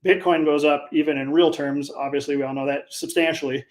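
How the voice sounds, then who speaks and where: A man talks as a guest on a podcast, speaking with a somewhat high voice. He grows impassioned and emphatic, stumbling over his words and restarting sentences as he presses his point. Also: fairly even intonation, fairly quick. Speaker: guest, hedge fund manager. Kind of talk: podcast conversation.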